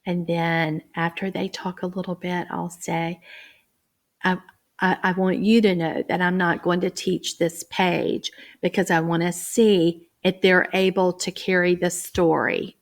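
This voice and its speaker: A woman reading teacher explaining guided reading, slipping into a bright, exaggerated voice when she models talk with young children. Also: on the low side, little pitch movement. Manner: careful, deliberate phrasing. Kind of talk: teacher training demonstration.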